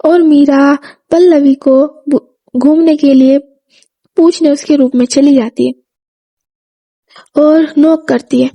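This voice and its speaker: A woman narrating a story in a steady, plain storytelling manner. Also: sits high, slow, pauses often. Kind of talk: scripted narration.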